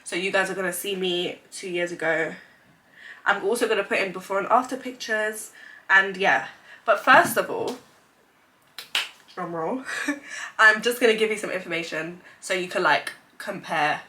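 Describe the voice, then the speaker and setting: This vlogger, a woman in her twenties, is stuffed up from a cold as she talks frankly from her seat at home, filling gaps with "like." She speaks into the camera mic in front of her at a moderate pace with long pauses, and her medium-pitched voice sounds sharp.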